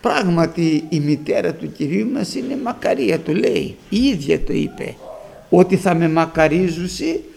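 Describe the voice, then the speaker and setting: A man preaching a sermon, emphatic, rising to high loud peaks as he addresses the congregation. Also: lively intonation, gravelly.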